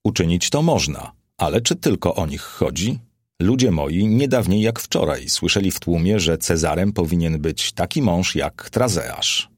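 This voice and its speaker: A scheming Roman prefect from an audiobook, read by a man, cold and quietly threatening. His voice is very low and husky, recorded close and dry. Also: animated, moderate pace, no echo.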